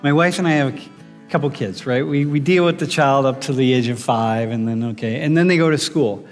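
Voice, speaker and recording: A man's voice: medium pitch, fairly quick. A man lecturing as a professor, quizzing students directly and often restarting his sentences. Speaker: university professor. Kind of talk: classroom lecture. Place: large lecture hall. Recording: reverberant lecture hall with background music.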